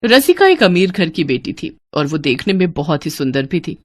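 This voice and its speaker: A woman reading scripted narration for a cartoon moral story in a clear, expressive storyteller manner. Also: deep voice, normal speed, no room sound. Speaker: narrator and voice of female figures.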